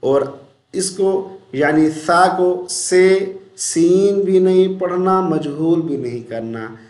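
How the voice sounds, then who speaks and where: A man's voice: high voice, darkish tone. Echoey male Quran recitation teacher. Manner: slow drawn-out chanted recitation between quick spoken explanations. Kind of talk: recitation lesson.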